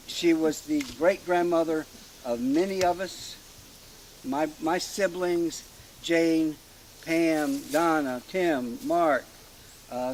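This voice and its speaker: A middle-aged man with a somewhat high voice tells family stories to relatives gathered outdoors. He speaks in a halting, informal way, stopping often with fillers and restarting his sentences. Faint outdoor noise sits behind him. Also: rough recording. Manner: hesitant, halting delivery with many fillers and restarts. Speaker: family historian speaking at a family reunion. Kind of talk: informal storytelling speech to a gathered group. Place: outdoors at a rural graveside.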